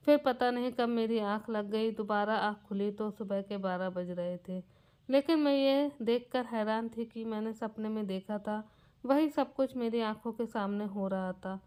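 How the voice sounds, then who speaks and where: A woman's voice: on the high side, a little mellow, clear, resonant tone. A woman narrating a story in the first person, in an earnest, plain way, sometimes correcting herself as she reads. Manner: earnest and plainly paced, with small self-corrections.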